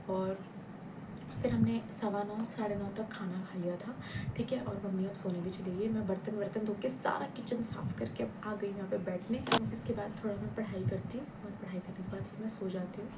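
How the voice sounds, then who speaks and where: A young woman chatting casually through her daily vlog at home, in a playful, talkative way. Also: mid-range voice. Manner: chatty, loud and playful on camera, hushed while talking to camera at night. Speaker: vlogger. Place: home, indoors. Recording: distant mic with noticeable background noise.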